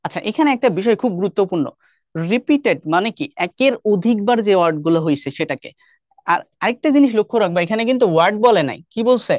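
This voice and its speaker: A man's voice: high voice, expressive, fast, no room sound, highs cut off. A young man with a Bangladeshi Bengali accent teaching an online English class, explaining step by step and quizzing his students often. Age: young adult.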